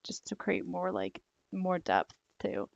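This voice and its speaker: A young woman hosts a digital art tutorial, rambling with lots of fillers and apologizing as she goes. Her lowish voice is gravelly and croaky because she's losing it, yet she sounds very animated while speaking slowly. The dry, slightly dull recording suggests a home desk mic.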